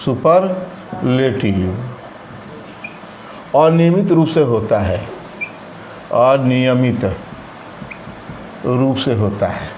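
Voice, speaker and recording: Slow, repetitive Hindi-speaking teacher. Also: male voice, medium pitch, animated, darkish tone. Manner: slow, repeats and spells out words, stretches examples. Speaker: English teacher. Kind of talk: grammar lesson. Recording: echoey room with faint ambient noise.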